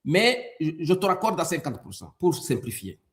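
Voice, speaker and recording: A man from Rwanda speaks as a guest, his voice a little high and very animated. He hesitates often, repeating words and restarting his sentences as he gathers his thoughts. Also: moderate pace. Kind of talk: conversational debate.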